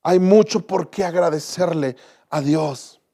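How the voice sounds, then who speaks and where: A man's voice: fairly high pitch, unhurried, warm tone. A man preaching a sermon as pastor in a church, earnest and repetitive, often restarting his phrases.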